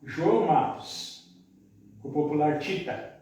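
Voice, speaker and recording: A middle-aged man tells rambling, folksy anecdotes as a podcast guest. His voice sits a little high for a man. The sound is very echoey, with the mic some way off. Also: takes it slowly, mellow. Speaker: podcast guest, radio announcer and singer. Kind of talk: casual conversational storytelling. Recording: echoey room, mic at a distance.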